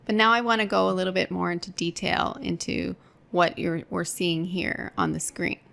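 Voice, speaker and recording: A woman's voice: fairly low pitch, normal speed, creaky, fairly bright tone. A woman teaching an online course, explaining each step patiently while working through a screen-recorded tutorial at her computer.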